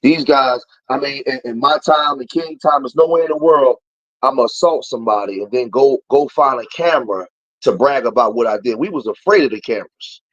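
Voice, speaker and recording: A man's voice: mid-range voice, a little fast, lo-fi sound. A man in his forties, joining the livestream over his phone, talking about street life and lecturing with rising heat. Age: 40s. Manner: preachy, grows heated and louder. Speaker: guest. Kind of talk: casual talk on a livestream.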